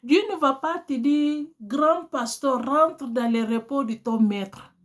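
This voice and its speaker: A woman whose first language is Portuguese preaches a sermon, earnestly exhorting and addressing her listeners directly. Her voice is high-pitched and slow.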